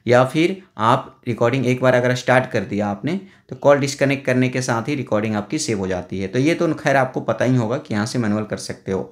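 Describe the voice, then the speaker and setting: Indoors at a table, filming a phone on a stand, a man with a mid-range voice hosts a casual tech tutorial voice-over. He chats his way through the phone settings step by step, peppering his explanations with "na" and "thik hai".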